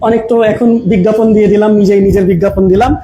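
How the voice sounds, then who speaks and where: A man teaches a grammar class in front of a projector, talking into a camera. His voice sits very high yet sounds soft and dark. He repeats each point and keeps asking his viewers questions, with a faint hiss under the recording. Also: steady tone, racing, poor audio. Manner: code-mixes English words into his speech. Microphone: camera mic.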